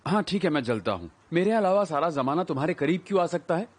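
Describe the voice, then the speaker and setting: A man's voice: fairly high pitch, animated, fast talker. An actor dubbing a lovesick, bookish young man who pleads earnestly with the woman he loves in drama dialogue. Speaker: dubbed drama lead.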